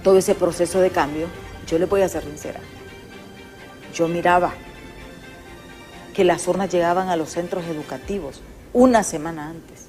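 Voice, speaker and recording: An older woman with a Honduran Spanish accent hosts a political talk show interview, speaking emphatically and with strong opinions while turning to address viewers directly. Her lowish, darkish voice keeps fairly even intonation at a moderate pace with long pauses, and faint music plays underneath.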